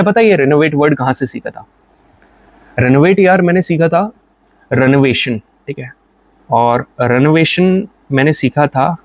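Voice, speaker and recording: A young man with an Indian accent teaches vocabulary like a friendly older brother, joking between examples. His pitch sits in the middle, and the recording is dry and close. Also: no room sound. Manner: chatty, joking, brotherly, with English example sentences. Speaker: English teacher. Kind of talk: casual Hindi vocabulary lesson.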